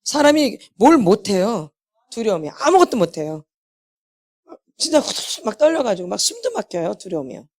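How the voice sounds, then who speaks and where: Lively-voiced woman preaching a sermon. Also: medium pitch, fairly quick. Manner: asks the congregation rhetorical questions and answers them; repeats key phrases for emphasis. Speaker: healing ministry lecturer.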